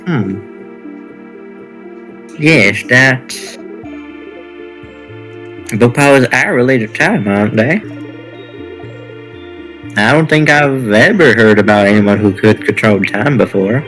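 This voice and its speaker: A man voicing a calm, cryptic guide figure while reading game dialogue aloud, in a measured way. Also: medium pitch, soft background music. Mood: calm, guiding. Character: mysterious helpful guide Loop, calm and cryptic.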